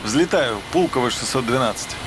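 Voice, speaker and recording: A man playing a brisk airliner co-pilot in a documentary reenactment, speaking in clipped phrases. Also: medium pitch, lively intonation, music in the background, close to an everyday voice. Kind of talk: cockpit radio dialogue in documentary reenactment. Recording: very noisy cockpit sound.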